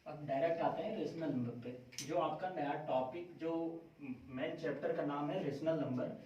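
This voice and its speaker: A high-voiced male math teacher who keeps asking questions and answering them himself. The sound is very echoey and dull, picked up from a distance. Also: normal speed, a little mellow, a little hiss or hum. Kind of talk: classroom math lesson.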